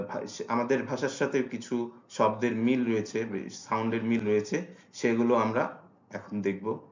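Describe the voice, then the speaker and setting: A man teaching a language lesson, explaining slowly and filling pauses with long drawn-out "ah" sounds. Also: medium pitch. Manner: hesitant, many drawn-out "ah" fillers; slow and careful when modelling sounds. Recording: roomy, dull lo-fi recording.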